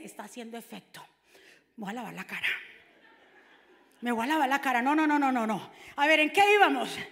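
Woman preacher, bright ringing tone, animated sermon, reverberant hall. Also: high voice. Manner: animated, swings from hushed asides to shouting scripture.

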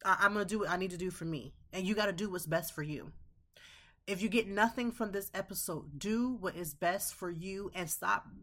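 A woman's voice: medium pitch, a little fast, a bit bright. A woman in her thirties hosting a podcast, speaking in an emphatic, preachy way with slang. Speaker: podcast host. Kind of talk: casual motivational monologue.

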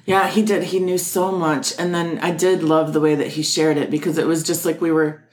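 A woman's voice: low-pitched, level tone, normal speed, a little mellow. A woman co-hosting a podcast, talking in a playful, teasing way. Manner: playful, teasing, laughs easily. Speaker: podcast co-host. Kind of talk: casual chat.

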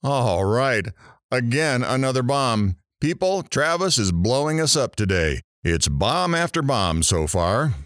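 A man's voice: mid-range voice, big pitch swings, measured pace, a bit bright, no room sound, studio quality. A man playing a talk show host, brash and teasing, hamming up each surprise.

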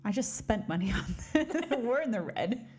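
This woman co-hosts a laid-back podcast, talking at normal speed in an animated, medium-pitched voice with a darkish tone. Her casual chat is giggly, rambling and self-deprecating, full of frequent laughter. She's using a studio microphone and has headphones on.

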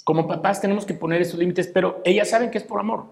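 A middle-aged guest with a Mexican Spanish accent talks fast in a high voice with vocal fry. In casual conversation he gives frank, fatherly advice packed with filler tags.

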